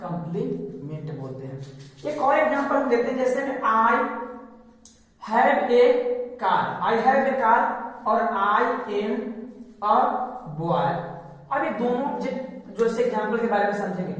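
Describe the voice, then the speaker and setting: A man's voice: very high voice, slow pace, long pauses, a bit bright. A male teacher explains a grammar lesson step by step. He asks rhetorical questions and then answers them himself. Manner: repetitive, explains step by step with examples. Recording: echoey hall, mic far off.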